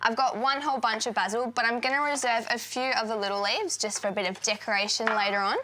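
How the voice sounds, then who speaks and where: A woman's voice: on the high side, steady tone, quick pace, bright, forceful tone. A young woman, chatting casually as a guest cook while she explains a recipe step by step. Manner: upbeat, chatty, explains steps plainly. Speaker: guest cook, former cooking contestant. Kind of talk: casual cooking demonstration. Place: studio kitchen.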